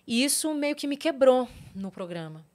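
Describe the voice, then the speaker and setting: A middle-aged Brazilian woman with a Brazilian Portuguese accent, a podcast guest telling a story in lively fashion and quoting others in changing voices. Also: high voice, moderate pace. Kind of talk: casual podcast interview.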